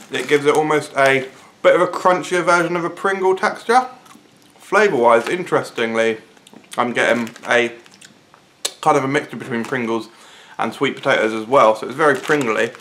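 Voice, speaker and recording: A man's voice: medium pitch, animated, a little fast, a bit bright, slight background noise, low-quality recording. A British man in his thirties giving a casual, informal food review to camera, thinking aloud in a living room. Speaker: food reviewer, video host. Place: small living room, sofa, indoors.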